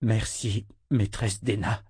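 A man voicing a proud, tormented male prisoner who speaks in a restrained, measured way, in his own register, in a dry recording. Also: on the low side, steady tone, darkish tone, slightly rough, no echo, heavily acted. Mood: contrite.

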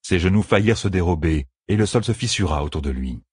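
A man with a very deep, husky voice reads a fantasy novel aloud. His delivery is steady and measured. The sound is dry and close, with no room around it. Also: no room sound. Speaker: audiobook narrator. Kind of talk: scripted fantasy narration.

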